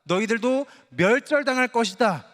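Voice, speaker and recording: Guy from chungcheong preaching a midweek sermon, pretty high voice, bouncy up and down, long church echo. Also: moderate pace. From Chungcheong, Korea. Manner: animated, asks the congregation questions and mimics voices. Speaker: junior pastor. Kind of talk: Wednesday Bible exposition sermon. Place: church sanctuary. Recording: long church hall reverb.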